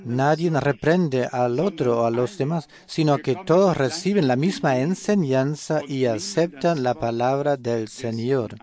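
Slow, measured male preacher. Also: mid-range voice, a little mellow. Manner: slow, measured delivery with frequent hesitations. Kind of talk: sermon.

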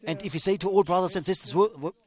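An older man preaching a sermon in a slow, emphatic way, repeating his phrases and restarting as he goes. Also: high voice.

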